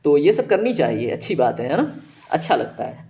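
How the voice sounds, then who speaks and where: A man's voice: on the high side, big pitch swings, dark tone. A man teaching an online exam-prep lesson, explaining patiently and drawing out sounds to demonstrate them, with constant "right?" check-ins. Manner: explanatory, drawn-out vowel demonstrations, frequent "है ना" and "ठीक है" check-ins. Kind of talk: online lecture. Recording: dull lo-fi audio.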